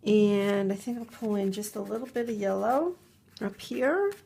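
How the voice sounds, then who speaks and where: Working at her craft desk, this middle-aged host narrates a laid-back tutorial, a bit congested from a cold, thinking out loud and echoing her own words. Her mid-range voice is unhurried, creaky, and dark in tone, with slight background noise. The shot comes from an overhead camera that captures just her hands.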